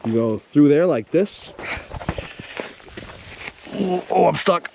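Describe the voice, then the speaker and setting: A man's voice: a little high, expressive, slow, vocal fry, darkish tone, slight background noise. A man chatting upbeat to a handheld camera as he narrates a hike on an outdoor trail. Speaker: vlogger and hiking guide. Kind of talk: casual trail vlog narration.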